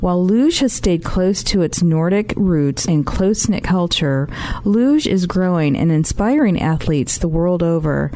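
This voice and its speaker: A woman's voice: on the low side, expressive, unhurried, hardly any pauses, mellow, dry recording. A woman hosting a travel radio show, reading intros and asking interview questions, restarting her sentences as she asks.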